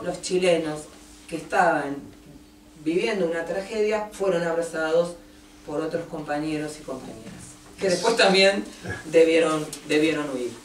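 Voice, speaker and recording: A woman from Argentina with an Argentine accent, giving an impassioned book presentation and stressing her points with long emphatic lists. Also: lowish voice. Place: event room in a café. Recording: roomy, distant mic, faint noise.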